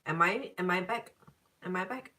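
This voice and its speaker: A woman's voice: lowish voice, normal speed, bright, forceful tone, far from the mic. Chatty psychic woman, a bit off-mic. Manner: repetitive, laughing, emphatic and chatty. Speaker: tarot and psychic reader answering live viewers. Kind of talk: casual live-stream reading.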